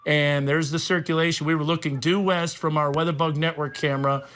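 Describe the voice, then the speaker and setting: A man with a slightly high voice works as a TV meteorologist in live storm coverage. He speaks off the cuff, explaining what is on screen and giving the crew instructions as he goes. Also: flat delivery, fairly quick, a bit bright, a little hiss or hum. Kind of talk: live unscripted severe weather coverage. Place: TV studio.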